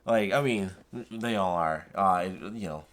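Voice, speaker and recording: Low-voiced stoner guy, dazed and rambling. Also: unhurried, a bit bright, a little hiss or hum. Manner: stoner-like, dazed and drifting, trails off. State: high, intoxicated. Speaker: vlogger. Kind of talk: rambling casual unboxing vlog.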